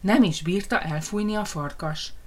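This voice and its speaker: A woman reading a children's fairy tale aloud in a lively, expressive storytelling manner. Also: medium pitch.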